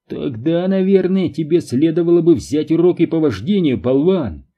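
A man voicing a hot-tempered, protective father who shouts in fury, in an audiobook. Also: on the high side, animated, normal speed, lo-fi sound, voice pushed up. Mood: furious. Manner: shouting, furious.

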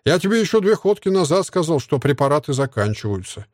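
Giggly sadist surgeon on drugs, cheerful and whiny, pitched up, voiced by a man; dry close audiobook read. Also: sing-song, fast talker, a little mellow, no echo. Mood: whining. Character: drug-addled male surgeon henchman, giggling sadist. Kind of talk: audiobook character voice.

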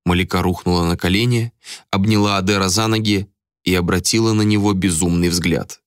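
A man's voice: low-pitched, steady tone, brisk, clean tone, no room sound, clean studio sound. A man narrating an audiobook with dramatic storytelling.

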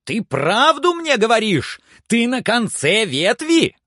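Male reader doing a shrill, frantic man barking orders, pitched well up, very loud. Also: lively intonation, slow pace, no echo, clean studio sound. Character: agitated excitable man shouting up from below.

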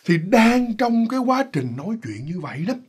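A man's voice: sits high, big pitch swings, moderate pace, husky. A man telling a ghost story in a chatty, casual way, speaking straight to his listeners. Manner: chatty, addresses listeners directly, many fillers.

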